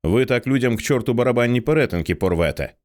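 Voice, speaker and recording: A man reading an audiobook voices a male airline captain with a steady, reassuring manner. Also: medium pitch, quick pace, no echo, studio quality, natural voice. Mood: irritated.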